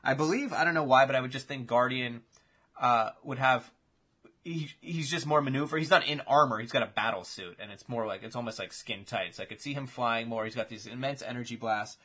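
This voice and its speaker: A man hosting a casual chat, telling imagined fight matchups in an animated, swearing play-by-play. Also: mid-range voice, a little fast.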